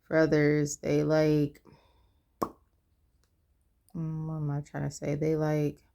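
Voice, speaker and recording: A woman's voice: low voice, monotone, takes it slowly, gravelly, mellow. A tired woman in her twenties talking candidly in a personal vlog, rambling and losing her train of thought. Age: 20s. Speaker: vlogger.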